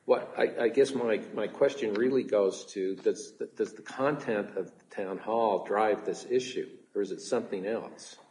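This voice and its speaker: A man's voice: on the low side, normal speed, hardly any pauses, a little mellow, slight background noise. A man serving as an appellate judge, pressing counsel with probing questions.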